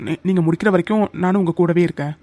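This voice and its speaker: A voice actor playing a caring young husband in a cartoon, soft and reassuring. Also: medium pitch, very fast, dry recording, natural voice. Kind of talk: cartoon voice acting.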